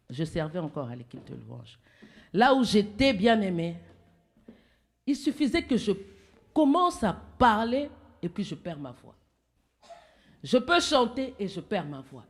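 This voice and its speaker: A woman pastor preaching a sermon in a church, telling a personal testimony, swinging between loud exclamations and hushed, whispered asides. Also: low voice. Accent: French-speaking Central African.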